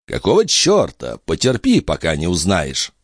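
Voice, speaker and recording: A worldly old duke talks down with dry irony, as a male narrator acts him out. The voice is low and close, with no room around it. It rises and falls with amused condescension. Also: huge pitch swings, normal speed, husky, no room sound, heavily acted. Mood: condescending. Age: older. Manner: ironic, condescending.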